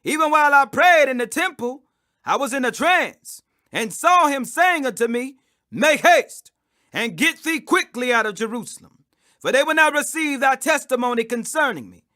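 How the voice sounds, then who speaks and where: Reading scripture dramatically, a man speaks in a very high register at a normal speed. His voice is bright, forceful and expressive, and he declaims like a preacher, stretching out the stressed phrases for emphasis.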